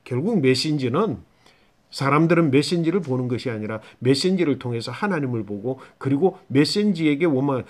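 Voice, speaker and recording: A man's voice: mid-range voice, animated, fairly quick, darkish tone. A man preaching a Bible teaching sermon, asking the listeners questions and answering them himself, swinging between rising emphasis and dropped near-whispers. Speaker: pastor.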